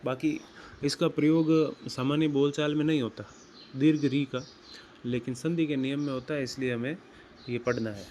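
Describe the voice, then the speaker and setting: A man teaching grammar, explaining slowly and deliberately and repeating words as he writes them out. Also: medium pitch, fairly even intonation, a little mellow, a little hiss or hum. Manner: slow and deliberate, repeats words while writing. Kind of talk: explaining at a whiteboard.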